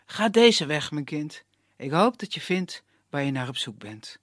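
A storyteller voicing a calm, fatherly older wood gatherer who gives directions in a puppet tale. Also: on the high side, unhurried, no echo, clean studio sound.

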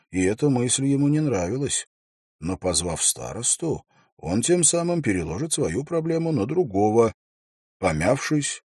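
A man narrating a fantasy audiobook in a measured, even storytelling manner, close to the mic. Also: fairly low pitch, breathy edge, no echo.

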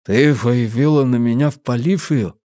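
A man's voice: medium pitch, moderate pace, warm tone, no room sound, studio quality, close to an everyday voice. A man voicing a timid giant in an audiobook, with slurred, mangled speech. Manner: slurred, mangled words, pleading.

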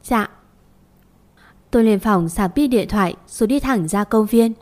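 A woman narrating a first-person story, gentle and coaxing when speaking to a child. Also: mid-range voice, brisk.

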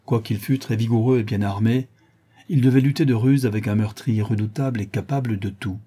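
A man reads a classic novel as an audiobook, telling the story in a measured, even way. His voice sits on the low side and has a breathy edge.

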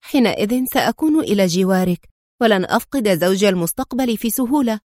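A woman reading a storybook, voicing a young female spy who speaks softly and gently. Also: mid-range voice, expressive, quick pace, no echo, studio quality, close to an everyday voice. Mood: gentle. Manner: soft and gentle. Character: devoted young woman spy, soft and teasing.

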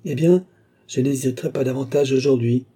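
A man's voice: medium pitch, steady tone, a little fast, warm tone, husky, natural voice. A man voicing a wily old courtier duke in an audiobook, mannered and ironic. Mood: sly. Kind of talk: audiobook character voice.

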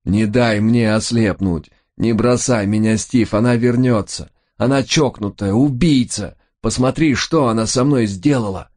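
A man's voice: low voice, moderate pace, a little mellow, slightly rough. A man voicing a terrified, wounded male crook who wails and pleads frantically. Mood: panicked pleading.

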